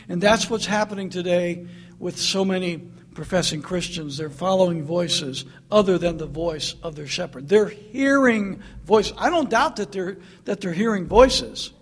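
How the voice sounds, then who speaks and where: A man's voice: high-pitched, normal speed. A man preaching a sermon in an earnest, emphatic way, repeating his points.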